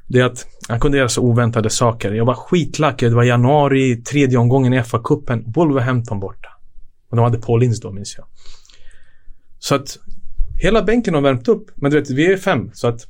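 A middle-aged man, a former footballer, telling casual stories as a podcast guest, acting out quotes and laughing often. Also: medium pitch. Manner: lively storyteller, acts out quotes, laughs often. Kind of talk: casual anecdotal storytelling.

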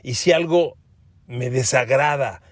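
A man's voice: medium pitch, slow pace, no room sound. A man with a Mexican Spanish accent hosting a sports podcast, speaking emphatically, calling listeners friends and repeating words for stress. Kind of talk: sports commentary monologue.

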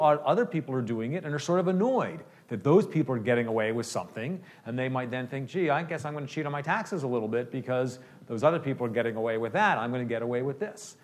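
A man's voice: medium pitch, lively intonation, fast talker, few pauses. Man, lecture Q&A speaker, explanatory tone, checks in with "okay?". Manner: explanatory, uses "okay?" often. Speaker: speaker answering questions.

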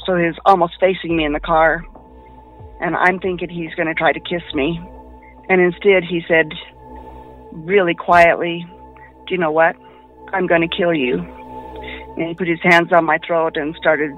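A woman giving personal testimony about an attack she survived, in a quiet, halting way. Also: lowish voice, little pitch movement. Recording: muffled lo-fi with faint music.

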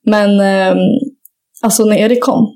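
A woman's voice: medium pitch, fairly even intonation, dark tone. A young woman in casual chat, telling a rambling story full of fillers and casual swearing. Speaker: podcast co-host.

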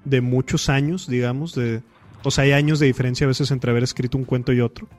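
A man's voice: mid-range voice, fairly even intonation, fast talker, darkish tone, soft background music. A man, a podcast guest and author, talking casually with slang and many fillers.

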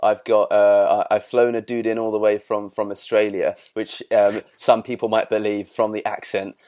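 Male podcast host, casual and excitable, profane, frequent laughs and restarts. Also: fairly low pitch, normal speed. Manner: swears freely, laughs often, stumbles and repeats words. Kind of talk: casual interview chat.

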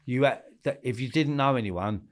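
A middle-aged man with an Essex and East London accent, speaking at a moderate pace in a mid-range voice, is an interview guest recalling his past working club door security. He tells his stories casually, in a blunt, slangy, sweary way with repeated tag questions.

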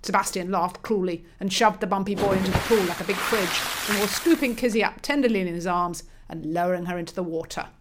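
A woman narrating a comic audiobook with brisk, crisp storytelling. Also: medium pitch, heavy background noise.

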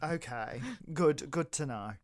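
A man's voice: a little high, slow pace, no echo, clean studio sound. A young British man co-hosting a casual comic podcast, chatting in a rambling, enthusiastic, giggly way. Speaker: podcast co-host.

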